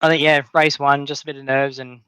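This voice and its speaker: A man's voice: medium pitch, little pitch movement, a little fast, pushed and bright, clear, resonant tone, dry recording. A young man with a New Zealand accent, a sim racing driver talking casually in a push-to-talk group voice chat, rambling with lots of "um"s. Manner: easygoing, rambling, many "um"s and restarts. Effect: heard over a push-to-talk group voice chat. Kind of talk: casual post-race chat.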